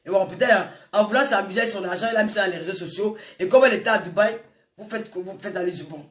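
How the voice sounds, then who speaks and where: A social media personality in her forties, a woman with a Francophone African accent, scolds her viewers in an impassioned, informal monologue, repeating phrases for emphasis. Her voice is mid-range and quick. The microphone is distant and the room echoes.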